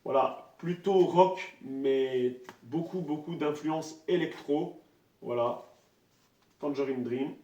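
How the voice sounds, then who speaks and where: A man's voice: a little high, takes it slowly, highs cut off. Man casually showing his records, roomy sound. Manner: relaxed, hesitant, many fillers and restarts. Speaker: vinyl collector presenting records. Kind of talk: casual vinyl haul presentation. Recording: roomy echo, voice a bit far from the mic.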